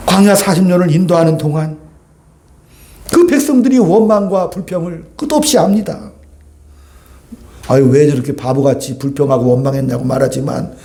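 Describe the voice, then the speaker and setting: This Sunday sermon comes from a male pastor whose voice sits on the high side; he preaches animatedly and conversationally, repeatedly asking his congregation for amens.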